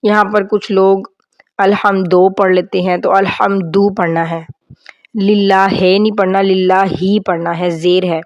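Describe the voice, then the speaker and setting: A woman gives a recitation lesson in a smooth, clear voice, her tone neither high nor low. She stretches out the sacred lines slowly, then switches to a brisk, matter-of-fact explanation. The sound is close and dry, with no room behind it. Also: fairly even intonation, no echo, highs cut off. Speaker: Quran teacher. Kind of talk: pronunciation lesson.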